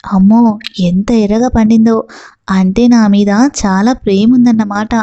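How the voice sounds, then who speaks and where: A woman's voice: medium pitch, fairly even intonation, unhurried, dark tone, dull audio, close to an everyday voice. A woman reading the lines of a playful, teasing young village wife.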